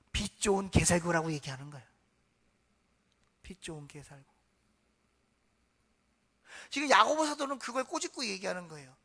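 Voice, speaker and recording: A woman's voice: on the high side, bright, forceful tone. A woman pastor preaching a sermon in a church, asking the congregation questions and answering them herself. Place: church sanctuary.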